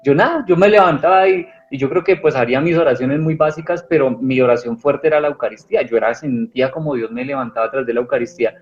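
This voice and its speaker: A man's voice: mid-range voice, quick pace, few pauses. A man giving an earnest personal testimony in an interview, rambling with many restarts. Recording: dull lo-fi sound with faint music.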